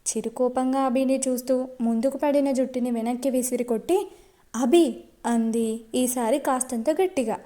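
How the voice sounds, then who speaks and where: Brief: woman narrator, high voice, steady audiobook reading of a romance serial. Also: moderate pace. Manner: steady storytelling delivery. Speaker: writer and narrator.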